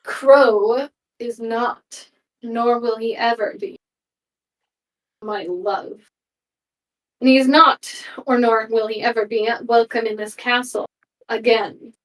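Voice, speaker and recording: Woman doing a stern cat-folk king, cold, measured, slightly high, distant from the mic. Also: fairly even intonation.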